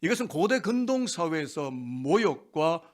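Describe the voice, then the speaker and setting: A man's voice: on the high side, very animated, a little slow. A man preaching a Sunday sermon as pastor, asking the congregation rhetorical questions. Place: church sanctuary.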